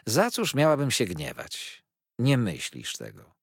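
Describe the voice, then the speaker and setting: A man's voice: mid-range voice, huge pitch swings, measured pace, breathy edge, no room sound, clean studio sound, pitched above the performer's own voice, full character voice. A man voicing an older aunt who talks cheerfully and soothingly to her niece. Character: older aunt, brisk, cheerful, fondly reassuring.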